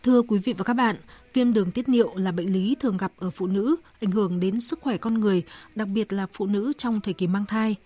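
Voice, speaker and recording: A woman's voice: mid-range voice, a little fast, few pauses, dark tone, faint music behind. A woman presenter reading a formal scripted health report in news narration style.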